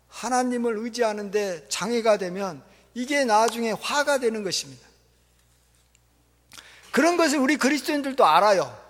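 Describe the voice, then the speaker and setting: High-voiced man preaching in a church. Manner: animated preaching, acts out parents and crying child. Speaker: pastor. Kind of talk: sermon. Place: church sanctuary. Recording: long church reverb.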